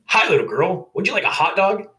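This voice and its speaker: A man's voice: high-pitched, expressive, a little fast, sharp tone, pitched above the performer's own voice. A man voicing a cheerful male turtle hot dog vendor in a sing-song customer voice.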